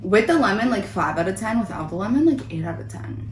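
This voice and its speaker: A woman's voice: mid-range voice, expressive, fast. Woman chatting in an echoey room. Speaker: host of a taste test vlog. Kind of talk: casual chatty food review. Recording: roomy echo, background noise.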